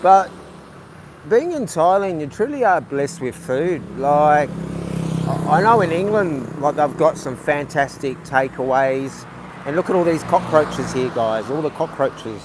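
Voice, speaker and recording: A New Zealand man livestreams from his phone outdoors at a night market, his slightly high voice animated over background noise. As a vlogger chatting casually, he rambles and halts, restarting his sentences many times.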